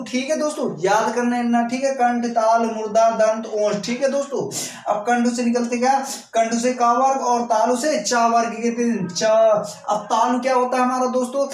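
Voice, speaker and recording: A man teaching an exam coaching lesson who keeps checking in with his students and draws out sounds to demonstrate them. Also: very high-pitched. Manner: keeps repeating "ठीक है दोस्तों", drawing out sounds to demonstrate. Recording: echoey room, off-mic.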